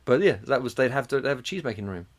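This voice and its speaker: A man's voice: mid-range voice, animated, very fast. A man, co-hosting a casual podcast chat, swearing freely and chuckling as he talks. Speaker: podcast co-host.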